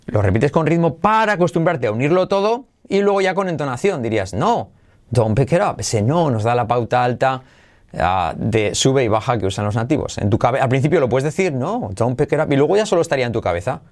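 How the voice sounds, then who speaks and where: A man teaching English pronunciation to Spanish speakers, repeating phrases slowly and rhythmically and explaining in quicker bursts. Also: medium pitch, lively intonation, darkish tone. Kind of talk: language lesson, drilling phrases.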